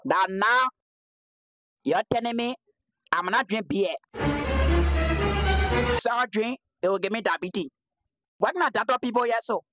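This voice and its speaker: A man's voice: high-pitched, a little slow, pauses often, sharp tone, soft background music. A man in his thirties with a Liberian accent playing an aggrieved sick man craving forbidden food, whining and repeating himself in a comedy skit. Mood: indignant. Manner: whining, exclamatory, repetitive. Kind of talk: improvised outdoor comedy skit. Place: outdoors in a grassy yard. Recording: noisy outdoor phone-video sound.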